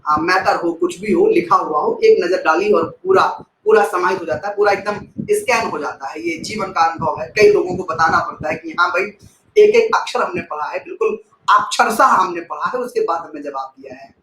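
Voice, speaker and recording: A man teaches a live online class in a bright, high voice, stressing his points and repeating them. He stops to thank viewers from the chat by name. The sound is roomy and echoey, with a faint hiss behind. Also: a little fast.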